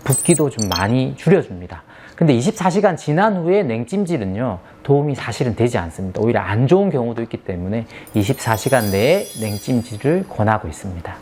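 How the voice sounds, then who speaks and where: Male dentist delivering an aftercare talk, animated pitch, emphatic, faint hiss underneath. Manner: emphatic, asks rhetorical questions. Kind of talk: patient aftercare explainer.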